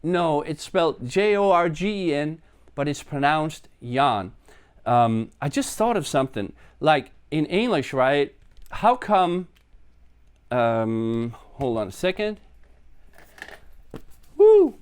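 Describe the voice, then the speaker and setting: A man's voice: fairly high pitch, animated, takes it slowly, clean tone. A man from Denmark, casually chatting to viewers on his live stream from his apartment, rambling and joking at himself. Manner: chatty, rambling, self-deprecating. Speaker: live stream host and musician.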